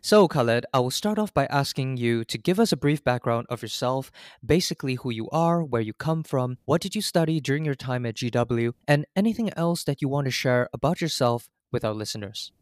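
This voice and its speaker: A man hosting a student podcast speaks at a middle pitch, asking smooth, well-prepared questions. His voice is recorded close and dry, with no room sound around it. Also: animated, fairly quick, no room sound. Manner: polished, semi-scripted questions. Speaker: podcast co-host. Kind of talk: podcast interview.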